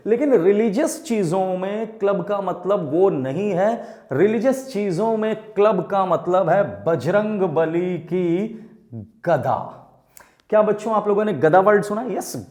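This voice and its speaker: Male vocab teacher, high voice, slow deliberate delivery, roomy echo. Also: darkish tone. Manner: addresses students as children, asks questions and answers them himself; spells out and repeats words slowly. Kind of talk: vocabulary lesson for exam students.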